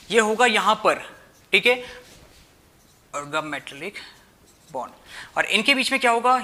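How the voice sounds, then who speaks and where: A young man with a sharp, high-sitting voice teaches chemistry at a whiteboard, mixing Hindi and English. He keeps asking rhetorical questions, checks in with "theek hai," and addresses his students as "bhai."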